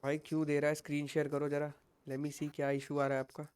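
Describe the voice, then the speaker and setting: Young male coding instructor, fairly high voice, patient and reassuring, live class over a call mic. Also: monotone, brisk, darkish tone, clear, resonant tone. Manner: patient, reassuring, mixes English tech words into Hindi.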